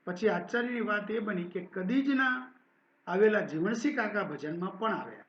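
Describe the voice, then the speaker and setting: A male college professor reading a literary text aloud in a measured, expressive way and then explaining it as a lecture. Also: high-pitched, roomy sound, muffled recording.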